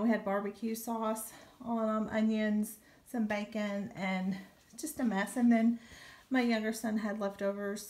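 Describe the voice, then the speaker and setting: Demonstrating her kitchen-cleaning routine at home, a young woman vlogger talks casually and says um often. She has a mid-range, darkish-toned voice, and music plays under her speech.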